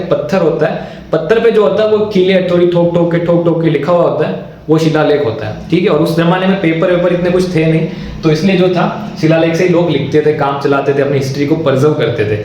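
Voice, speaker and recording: A man gives an exam-prep history lesson and talks in a slightly high voice. He repeats each point and answers his own questions. The recording sounds very echoey, as if made in a bare room. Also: a little mellow. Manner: repeats points and asks himself questions, often adding "ठीक है". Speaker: teacher.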